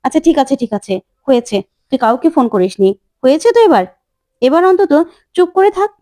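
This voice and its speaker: A woman voicing a sharp-tongued, hostile middle-aged aunt who talks in a bossy, scolding way. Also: high voice, very animated, fast talker, no echo.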